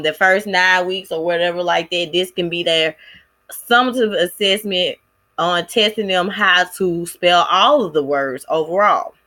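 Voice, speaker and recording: Bright-voiced woman presenting a lesson plan. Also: fairly low pitch. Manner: casual, halting, with many fillers like "like" and "um". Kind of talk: recorded class presentation.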